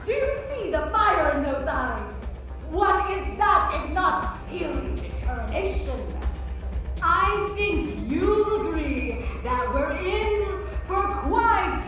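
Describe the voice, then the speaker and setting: An actress voicing a showy woman ringmaster who announces a deadly race over loudspeakers to a crowd of patrons, drawing her words out in a sing-song way. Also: very high voice, very animated, slow pace, very echoey, far from the mic, music in the background, exaggerated voice, rough recording. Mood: grandly showy. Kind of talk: video game voice acting.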